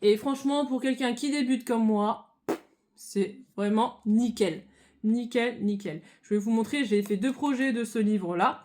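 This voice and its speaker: Lady rambling about her hobbies, slightly high voice, lots of euh and restarts. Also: unhurried, a little mellow. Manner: hesitant, many fillers and restarts. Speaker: crafts vlogger. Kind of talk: casual hobby chat to viewers.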